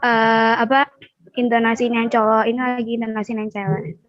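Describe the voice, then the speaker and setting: A woman's voice: fairly high pitch, level tone, moderate pace, no room sound, muffled recording. A woman student answering her teacher's question in an online class, hesitant and searching for words.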